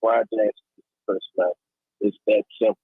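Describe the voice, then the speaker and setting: A blunt male caller from St. Louis comes through a thin, clipped phone line. His voice sits fairly low and sounds husky. The sound is dry and narrow, with no room at all. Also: steady tone, quick pace, no echo. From St. Louis, USA. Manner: blunt and emphatic. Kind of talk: call-in show chat. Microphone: phone call.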